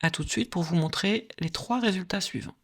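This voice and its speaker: A woman narrating a screen-recorded software tutorial, explaining step by step with frequent hesitant filler pauses. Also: lowish voice, creaky, husky.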